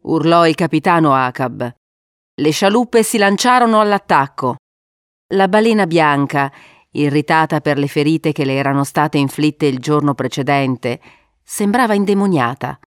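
A woman narrating an adventure storybook in a measured, expressive reading. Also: low-pitched, dry recording, clean studio sound.

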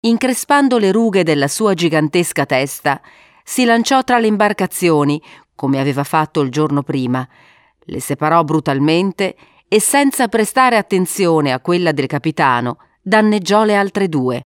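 An adventure storybook is read by a woman whose voice is slightly low and smooth, her delivery measured yet expressive. The sound is close-miked and dry.

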